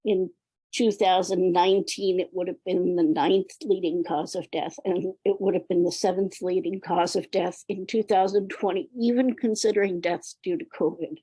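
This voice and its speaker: A woman giving a prepared public talk in a weak voice, affected by a cold, hesitant and often pausing. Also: on the low side, steady tone, dark tone, slightly rough, dry recording, low-quality recording. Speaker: panel speaker.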